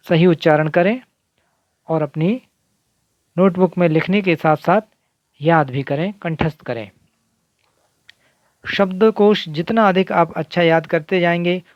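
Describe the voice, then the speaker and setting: A male teacher gives a recorded lesson at a very slow, deliberate pace, breaking each word into its syllables. His voice sits at an ordinary middle pitch. The recording sounds dull and lo-fi, with a dry, close sound. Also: dry recording. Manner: slow, carefully spelling out syllables. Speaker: Sanskrit teacher.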